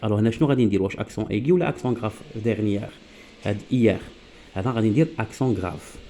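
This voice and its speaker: A man with a Moroccan accent teaching a French grammar lesson, repeating key words slowly and often asking his listeners to focus. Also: lowish voice, mellow, a little hiss or hum. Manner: keeps urging listeners to focus.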